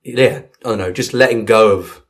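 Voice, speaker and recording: A man's voice: on the low side, moderate pace. A man hosting a podcast, talking in a reflective, easygoing way with lots of loose fillers. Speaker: podcast host. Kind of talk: casual interview chat.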